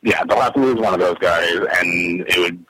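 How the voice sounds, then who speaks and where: A man's voice: low-pitched, moderate pace, bright, forceful tone, husky, no echo, rough recording. A man co-hosting a casual sports podcast in an attic, talking through his analysis in an agreeable, conversational way. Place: attic of a house, recording in summer heat.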